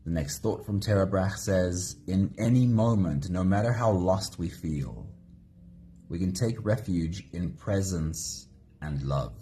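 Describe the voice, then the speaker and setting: A man hosting a live guided meditation, speaking gently and greeting viewers by name. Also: deep voice, animated, measured pace, a little hiss or hum. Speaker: meditation host.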